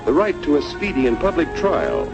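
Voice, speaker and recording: A man delivering vintage scripted cartoon narration with declamatory, measured phrasing. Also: fairly high pitch, huge pitch swings, lo-fi sound. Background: music.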